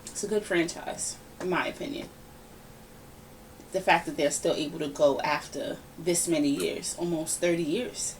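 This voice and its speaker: A woman hosting a casual podcast, giving her opinions in a lively, ranting, conversational way. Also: low voice, normal speed. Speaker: podcast host. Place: home room, relaxed podcast setting. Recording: somewhat distant mic with faint background noise.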